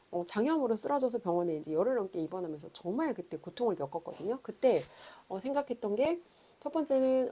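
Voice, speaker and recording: A woman in her thirties, a reading coach, telling her own story in an earnest, thoughtful way with frequent pauses. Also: medium pitch, warm tone. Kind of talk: reflective personal talk.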